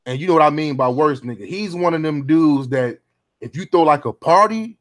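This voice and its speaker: A man's voice: on the high side, lively intonation, brisk. A middle-aged man hosting a casual round table chat, talking in laid-back, profane street slang. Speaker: podcast host.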